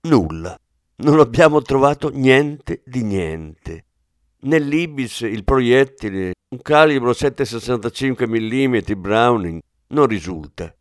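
A man's voice: medium pitch, animated, slow, dry recording, clean studio sound, pitched above the performer's own voice. A man playing a polite dutiful forensics officer. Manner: polite, formal, reporting. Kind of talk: audiobook character voice.

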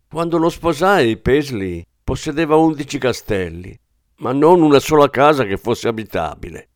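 A man's voice: mid-range voice, animated, normal speed, no echo, studio quality, close to an everyday voice. A man reading an audiobook, voicing a complacent, thrifty old duchess who sounds pleased with herself.

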